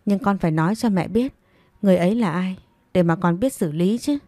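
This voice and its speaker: A woman's voice: fairly low pitch, fairly quick, dark tone, no echo. Middle-aged rich mother in an audio story, read by a woman: stern, insistent questioning, dry close voice.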